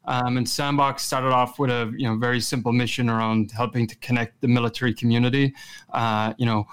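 A man's voice: mid-range voice, level tone, a little fast, clear, resonant tone. A man with a west of Ireland Kerry accent, answering interview questions in an informal, conversational way. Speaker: podcast guest, chief marketing officer.

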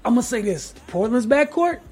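A man co-hosting a casual sports podcast, emphatic and slangy, building up to loud points. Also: very high voice, sing-song, a little fast, husky. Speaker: podcast co-host.

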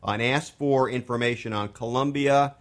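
Halting radio finance show host. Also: male voice, medium pitch, fairly even intonation. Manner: halting, many fillers and restarts, joking.

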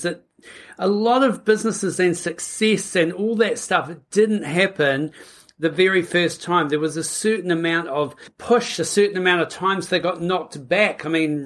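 A woman hosting a podcast in a casual, upbeat, conversational style. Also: on the low side. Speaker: podcast host.

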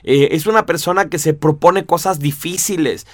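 A man teaching in a lively, chatty way, with a fairly high voice. He keeps checking in with his listeners through rhetorical asides, and the sound is close and dry, with no room around it. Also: moderate pace, no room sound. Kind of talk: explanatory talk to an audience.

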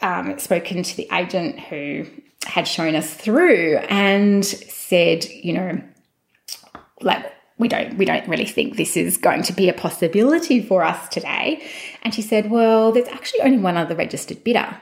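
A woman casually telling a personal story, chatty and animated, acting out the dialogue she quotes. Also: fairly low pitch, normal speed, gravelly.

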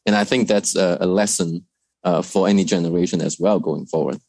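Guy from china, lowish voice, lots of uh and restarts, dry close mic. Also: fairly even intonation, brisk, darkish tone, no echo. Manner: thoughtful, many fillers and restarts. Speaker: guest, research fellow. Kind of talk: interview answers.

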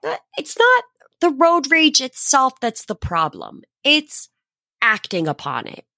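Sarcastic woman with lively, bright pitch. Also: unhurried, dry recording, clean studio sound. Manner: sarcastic, profane, animated storytelling. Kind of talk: casual storytelling chat.

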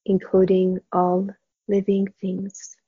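A woman guiding a meditation in a soft, hushed, spa-like near-whisper, gently and with long pauses, her voice breathy and husky. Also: mid-range voice, monotone, no echo. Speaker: meditation guide. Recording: dull, muffled, dry close recording.

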